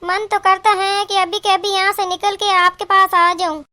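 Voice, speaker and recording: A woman voicing a shrill, aggrieved young wife. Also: little pitch movement, moderate pace, pushed and bright, dry recording. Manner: aggrieved, emphatic complaining. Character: young married woman, unhappy, complaining about her in-laws. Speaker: daughter. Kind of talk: cartoon voice acting.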